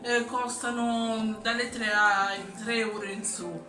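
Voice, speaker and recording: A woman's voice: fairly high pitch, flat delivery, slow pace. A woman still getting over the flu, casually presenting a grocery haul item by item. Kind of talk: casual item-by-item shopping narration. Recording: roomy echo, distant mic, music behind. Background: music.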